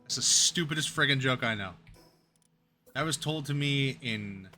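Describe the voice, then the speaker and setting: Bright-voiced man rambling through a joke. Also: medium pitch, normal speed, faint music behind. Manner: rambling storyteller with restarts and chuckles. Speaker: game streamer. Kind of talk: casual live-stream chat and joke telling.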